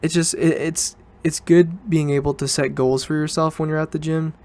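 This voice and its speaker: A young student podcaster chats on his own in a loose, rambling way, correcting himself along the way. His voice is fairly high and darkish in tone, with a flat delivery at normal speed.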